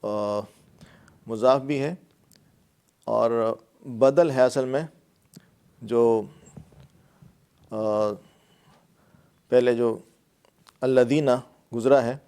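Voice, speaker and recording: A man's voice: medium pitch, fairly even intonation, pauses often, dark tone. Patient Urdu-speaking male grammar teacher. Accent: Pakistani Urdu. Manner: explains patiently, repeats words and fillers. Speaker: Quran and Arabic grammar teacher. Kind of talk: classroom lecture.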